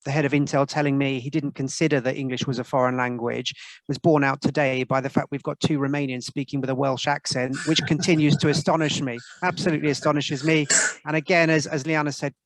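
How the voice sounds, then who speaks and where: Emphatic man with a gravelly voice. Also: medium pitch, level tone, fast, no echo, low-quality recording. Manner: emphatic, enthusiastic. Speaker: panelist. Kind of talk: panel discussion.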